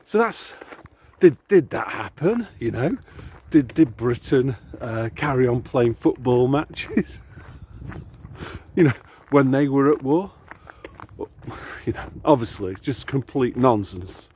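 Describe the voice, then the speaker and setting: A man's voice: mid-range voice, animated, slow, darkish tone, a little hiss or hum. A man talking casually to camera as he walks to the shops, rambling and sardonic. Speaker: vlogger. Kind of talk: casual talk to camera while out walking. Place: outdoors on the way to the shops.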